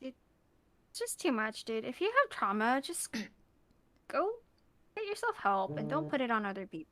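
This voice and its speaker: A playful, giggly woman streaming a visual novel, trading jokes and reading the game lines aloud. Her voice is fairly high and bright, and she talks with a lively, casual energy. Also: measured pace, dry recording.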